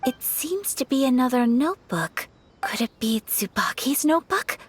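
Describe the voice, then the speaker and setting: A woman playing a gentle, composed young noblewoman in a video game, speaking formally and courteously. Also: high voice, big pitch swings, moderate pace, slightly rough, heavily acted. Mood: hesitant, thoughtful. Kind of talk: video game character acting.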